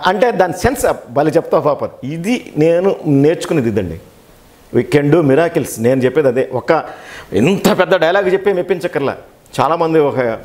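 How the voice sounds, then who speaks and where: A man who works as a dubbing artist and actor, giving an interview and telling stories with quick, animated delivery, acting out the dialogue he quotes. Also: on the high side. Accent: Telugu.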